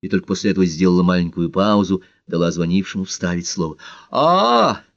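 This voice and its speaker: A man narrating an audiobook in an expressive storytelling manner. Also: low voice, quick pace, no echo, lo-fi sound. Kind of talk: scripted narration.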